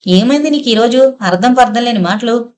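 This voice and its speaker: A woman's voice: a little high, a little fast, a little mellow, natural voice. A woman voicing a young woman who scolds a close friend in a familiar way, in an audiobook story. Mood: chiding. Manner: chiding, familiar.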